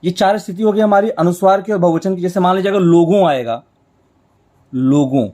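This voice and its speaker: A man's voice: high-pitched, dark tone. A man teaching a shorthand class, working through examples step by step. He asks himself questions and then answers them. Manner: explains slowly, repeating each stroke. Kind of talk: step-by-step whiteboard lesson.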